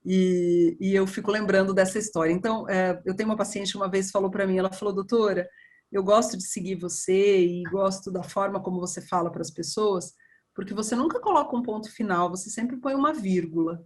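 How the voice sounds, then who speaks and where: A woman surgeon, talking in a relaxed interview and acting out past conversations as she tells them. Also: medium pitch, a little fast. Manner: animated storytelling, acts out dialogue. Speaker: breast surgeon guest.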